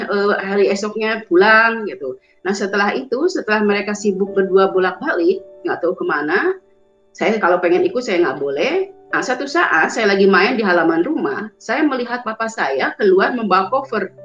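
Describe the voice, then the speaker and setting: A woman's voice: mid-range voice, a bit bright. A woman from West Java, Indonesia, telling her personal testimony, often restarting and correcting herself mid-sentence. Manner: halting, with frequent restarts and self-corrections. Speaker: testimony speaker. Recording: roomy, dull, lo-fi sound with faint music.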